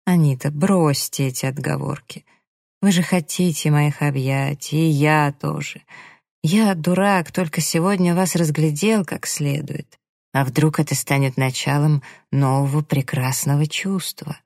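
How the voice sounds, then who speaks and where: A reader doing a man who is a smooth, condescending employer in an audiobook. He speaks slowly and insinuatingly, sliding from coaxing into scolding. The voice sits close and dry. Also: mid-range voice, steady tone, darkish tone, no room sound. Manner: coaxing, slow, smirking. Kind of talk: audiobook character reading.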